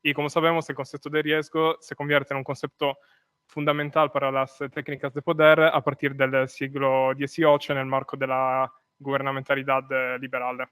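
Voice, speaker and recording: A man's voice: medium pitch, monotone, normal speed, fairly bright tone, clean tone, no room sound. A man who is not a native Spanish speaker presents an academic paper, hesitating and correcting himself as he goes. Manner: hesitant, with repeated words and self-corrections. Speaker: conference speaker.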